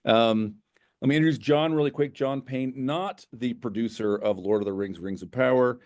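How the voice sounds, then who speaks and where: A man's voice: mid-range voice, moderate pace, darkish tone, dry recording, clean studio sound. A man hosting a casual interview who rambles, stopping and restarting his phrases. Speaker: podcast host and editor. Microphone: remote call.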